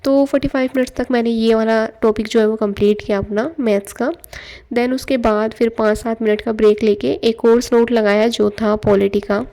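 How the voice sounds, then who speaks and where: Chatty young woman, mellow voice. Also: fairly high pitch, steady tone, fairly quick, creaky. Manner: chatty, loose Hindi-English mix with fillers. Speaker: exam aspirant vlogger. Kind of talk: casual study vlog narration. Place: at home.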